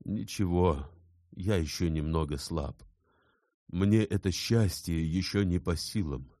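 A man's voice: low-pitched, takes it slowly, warm tone, dry recording, studio quality. A man voicing an ardent young man weak from illness, passionate and exclaiming in an audiobook.

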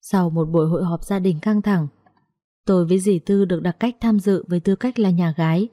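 A woman narrating a story in a steady, expressive reading. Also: lowish voice, brisk, no echo, studio quality.

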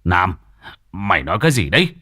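A quick-tempered grown son , played by a male storyteller, barks abrupt threats as his voice jumps up. It is a dry, close reading. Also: sits low, very animated, pushed and bright, breathy edge, no echo, heavily acted. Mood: panicked, angry.

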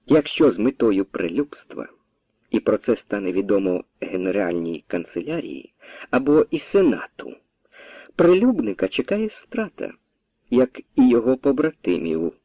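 A man voicing a calm, sharp-witted regimental clerk who speaks coolly and pointedly, in a storybook reading. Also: on the low side, moderate pace, breathy edge, no echo, lo-fi sound, heavily acted. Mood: cold.

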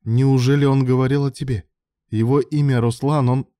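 A man reading aloud and voicing a brooding, demanding young man in an audiobook, forceful and commanding. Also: mid-range voice, fairly even intonation, normal speed, dry recording, studio quality, pitched above the performer's own voice, close to an everyday voice. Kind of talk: audiobook dialogue.

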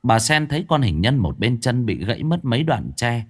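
A man narrating a ghost story in an expressive, suspenseful way. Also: normal speed, slight background noise. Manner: expressive, swinging pitch for suspense.

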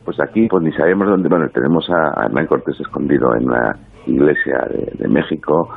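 Man, very deep voice, gravelly and husky, rambling guest, tinny phone line. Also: fairly quick. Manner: rambling, many hesitations and tag questions. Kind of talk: radio phone interview.

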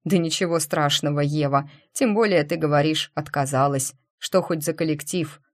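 A woman doing a calm, reassuring man. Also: deep voice, moderate pace, lightly acted. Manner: reassuring, steady. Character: calm, confident male bandmate.

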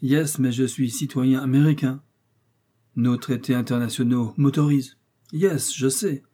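A man reading the lines of a suave gentleman bandit who speaks with mocking politeness. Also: medium pitch, fairly even intonation, measured pace, voice pushed up, natural voice. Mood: amused.

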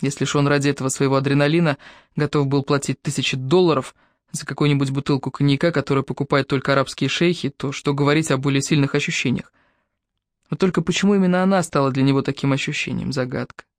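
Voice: mid-range voice, steady tone, fast, dry recording. Dry, close audiobook narrator. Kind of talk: scripted novel narration.

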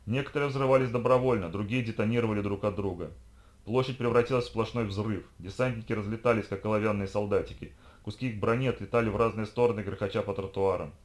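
A man narrating an audiobook with a dramatic reading of action scenes. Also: lowish voice. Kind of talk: scripted narration.

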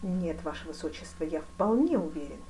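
A woman voicing a composed, polite fencing master in an audiobook, speaking quietly and with deference. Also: on the low side, animated, moderate pace, natural voice, low-quality recording. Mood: calm. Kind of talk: audiobook character reading.

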